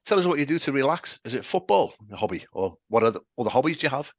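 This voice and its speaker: A man's voice: mid-range voice, very animated, fast talker, no echo. A man hosting an interview, asking questions between short interjections. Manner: asks questions, brief interjections. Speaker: host, interviewer. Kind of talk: casual interview chat. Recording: dull lo-fi dry sound.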